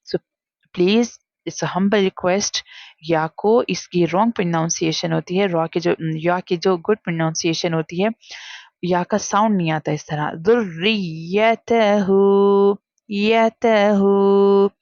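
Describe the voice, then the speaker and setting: A woman teaching Quran reading in a recorded lesson, drawing out each syllable slowly and then explaining quickly in mixed Hindi and English. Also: lowish voice, darkish tone, no echo, muffled recording. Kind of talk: recorded lesson, spelling out letters.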